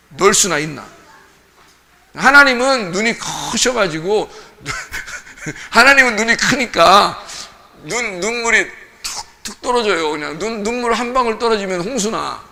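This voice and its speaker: A male pastor preaching a lively, conversational sermon, acting out voices as he goes. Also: high-pitched, vocal fry. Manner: animated, acts out parents' voices, conversational. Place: church sanctuary. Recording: church hall reverb.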